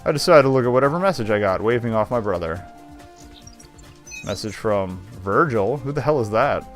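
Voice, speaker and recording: A male game streamer with a lowish voice and lively intonation reads visual novel narration aloud at a brisk clip, tossing in wry, sardonic asides. Faint music plays behind him.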